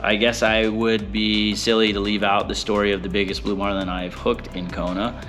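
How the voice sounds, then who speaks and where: A fishing boat captain, a man, telling a story in a rambling, animated way with many fillers. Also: fairly low pitch, normal speed, faint music behind. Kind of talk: casual storytelling.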